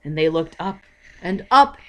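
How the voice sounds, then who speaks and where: A young woman telling a made-up story to a small child, slowly and expressively, stopping to ask questions. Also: on the low side, animated, pushed and bright. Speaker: parent telling a bedtime story.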